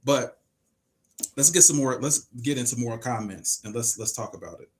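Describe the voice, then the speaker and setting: On a relaxed livestream podcast, a host in his forties reads comments out loud and drives his points home with emphatic rhetorical questions. He speaks at a normal speed in an expressive, mid-range voice.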